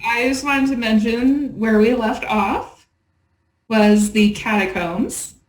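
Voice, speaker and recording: A woman's voice: a little high, takes it slowly, reverberant, a little hiss or hum, poor audio. A woman from the Pacific Northwest playing a video game as co-host, chatting and giggling often. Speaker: co-host and player. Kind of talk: casual chat.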